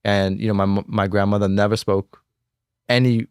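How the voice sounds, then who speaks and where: A young American fashion designer talks about his brand in a casual interview, fast and filler-heavy, packing sentences with "like" and "you know". His voice is on the low side, level, a little mellow, clear and resonant, in a dry, clean studio recording.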